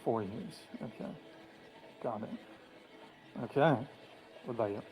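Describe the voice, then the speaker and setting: A man's voice: medium pitch, a little slow, darkish tone, rough recording. Blunt joking male panel host. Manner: blunt, joking, swears casually. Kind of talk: casual interview questions.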